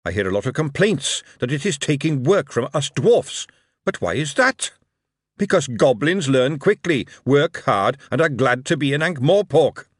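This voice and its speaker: Brief: male narrator as a booming dwarf king, raised pitch, loud, indignant, animated. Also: normal speed, no room sound, studio quality. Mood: furious. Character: furious male dwarf king, commanding and righteous.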